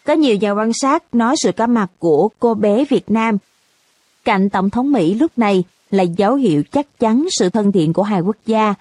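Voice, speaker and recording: A woman's voice: mid-range voice, expressive, moderate pace, a little mellow, slightly rough, no room sound. A woman reading the part of a reporter who asks formal, polite questions in a storybook reading. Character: persistent press reporter.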